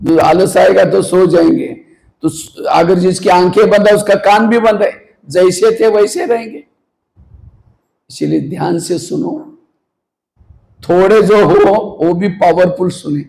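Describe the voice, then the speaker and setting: A spiritual teacher speaks slowly in a high-pitched, creaky, slightly mellow voice, with poor audio. His earnest discourse to a live meditation hall audience is full of rhetorical questions, and he sometimes scolds listeners who are falling asleep.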